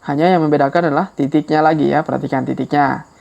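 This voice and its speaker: Low-voiced woman teaching slow, careful reading. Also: steady tone, vocal fry, darkish tone, highs cut off. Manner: slow, repetitive, ends phrases with a checking "ya"; syllables drawn out and repeated for learners. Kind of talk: patient step-by-step reading lesson.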